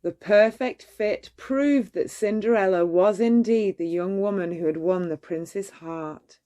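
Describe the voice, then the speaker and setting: With a mid-range voice, a storybook reader tells a children's bedtime story, her narration measured and expressive in the way of a practiced storyteller.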